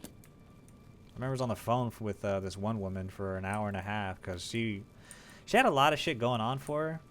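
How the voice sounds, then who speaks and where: A man's voice: on the low side, brisk, slight background noise. A man from Mexico streaming live, chatting casually while he plays and telling rambling, profane stories about work calls. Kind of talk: casual chat while gaming.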